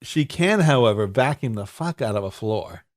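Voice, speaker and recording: With a medium-pitched, animated voice at normal speed, this podcast co-host sounds congested as he bant casually. His talk is profane and rambling, full of stammered restarts and laughter.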